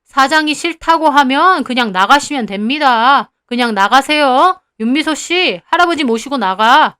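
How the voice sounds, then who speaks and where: A rude male cafe owner, put on by a woman storyteller, pitched very high and loud. He snaps at people below him and fawns over those above him. It is a storybook reading. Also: lively intonation, measured pace, full character voice. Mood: contemptuous. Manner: shrill, loud and snippy, turning to grovelling.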